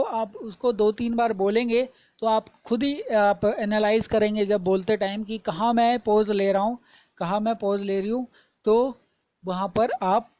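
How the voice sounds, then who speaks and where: A woman teaching a lesson, explaining terms patiently, repeating points and reading examples slowly and deliberately. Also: mid-range voice, warm tone, dry recording, dull audio.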